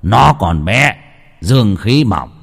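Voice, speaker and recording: A man voicing an old village shaman who gives stern, gruff orders slowly. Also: sits low, very animated, full character voice. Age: older. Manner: slow, stern, gruff commands. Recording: long reverb.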